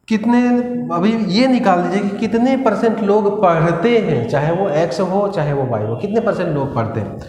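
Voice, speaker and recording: A man's voice: high voice, a little hiss or hum. A man teaching maths at a board in a classroom, explaining each step and checking in with "है ना" as he goes, mixing English phrases into his lecture. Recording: echoey room, faint ambience.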